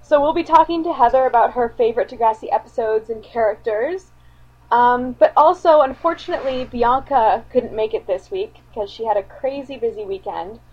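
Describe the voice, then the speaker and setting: A woman's voice: on the high side, brisk, a little mellow, breathy edge. Young woman hosting a fan podcast, lo-fi. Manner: chatty, lots of um and like fillers. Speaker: podcast host. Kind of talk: casual chat. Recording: dull lo-fi sound.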